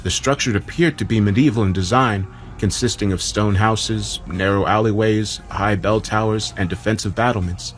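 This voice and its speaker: A man narrating a first-person horror story in a measured, dramatic way. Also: lowish voice.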